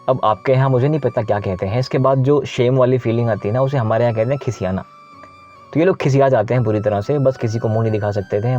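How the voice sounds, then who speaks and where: A man's voice: mid-range voice, a little mellow. A man hosting a channel, retelling an ancient epic in a casual, explaining way and speaking directly to his listeners. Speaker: storyteller host. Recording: slightly dull recording with faint music.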